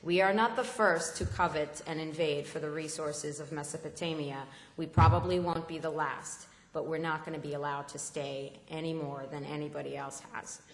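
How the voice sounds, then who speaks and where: Low-voiced woman speaking in an echoey hall. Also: steady tone, a little hiss or hum. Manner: impassioned, halting with many fillers. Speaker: speaker at a political assembly. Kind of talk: public speech. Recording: echoey hall, roomy long reverb.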